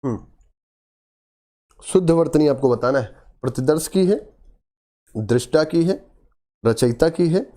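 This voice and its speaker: A man's voice: fairly high pitch, expressive, measured pace, pauses often, dark tone. A man teaching an exam-prep grammar class, pressing each point home. He quizzes his listeners and then answers himself, repeating the key words for emphasis. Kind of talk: Hindi grammar lesson.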